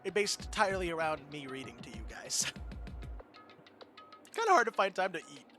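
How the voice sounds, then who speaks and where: Laid-back male streamer chatting to viewers between bites, fairly high voice, game music under him. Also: wildly swooping pitch, normal speed, bright, forceful tone. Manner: casual, laid-back, swears and laughs. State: eating while talking. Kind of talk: live game stream chat.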